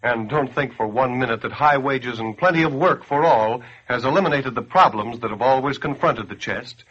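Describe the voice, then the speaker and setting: Speaking as both radio announcer and campaign spokesman, an American man reads a scripted appeal in the earnest, persuasive, declamatory style of 1940s radio. His medium-pitched voice is husky and a bit bright, at a moderate pace, heard through dull, grainy broadcast audio.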